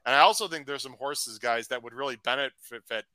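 A man hosting a live racing podcast, chatty and upbeat, reading out shout-outs to viewers. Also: mid-range voice, a little fast, clear, resonant tone, no room sound, rough recording. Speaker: podcast host. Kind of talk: casual live-stream chat.

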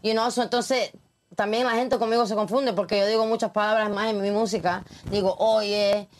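A woman from Puerto Rico with a Puerto Rican accent, hosting a podcast in lively, playful casual chat that mixes in English. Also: mid-range voice, normal speed, a little hiss or hum. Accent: Puerto Rican Spanish. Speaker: podcast host.

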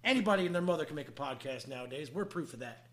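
Male podcast host, high-pitched and bright, casual, teasing, foul-mouthed comic banter. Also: lively intonation, rapid-fire. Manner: teasing, profane.

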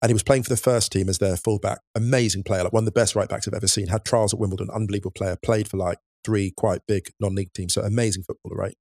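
A man, his voice sitting low, talks earnestly on a podcast. The sound is dry and close, with no room around it. He is thoughtful and open, and laughs easily. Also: fairly even intonation, fast talker, hardly any pauses, darkish tone, dry recording. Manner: earnest and reflective, breaking into big laughs. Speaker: podcast co-host. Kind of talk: casual podcast chat.

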